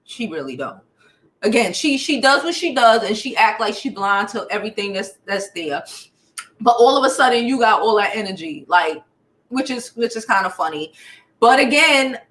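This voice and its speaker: Talking at normal speed, an American YouTube livestream host dishes casual gossip in a sassy, blunt, slang-heavy way. Her voice is on the high side, fairly bright and lively in intonation, and the room is reverberant.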